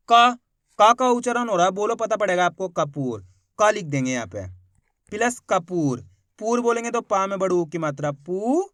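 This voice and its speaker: A man with a high voice teaches a reading lesson, calling viewers his friends and urging them on. He breaks each word into single syllables, slowly, before saying it whole. The recording is dry and close, with no room sound. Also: a bit bright, no room sound. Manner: slow, syllable-by-syllable spelling out of words; addresses viewers directly as friends, encouraging.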